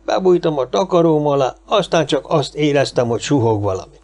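A man's voice: on the high side, expressive, a little mellow. A man voicing a chatty, boastful homeless man in an audiobook, rambling and gossipy. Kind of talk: audiobook character reading.

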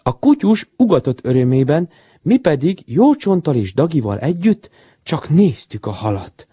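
A man reading a children's story aloud, full of expression and animation. His voice climbs and dips with a lot of life, and the tone is warm and mellow with a slightly husky edge. The sound is dry and close. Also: a little high, sing-song, dry recording.

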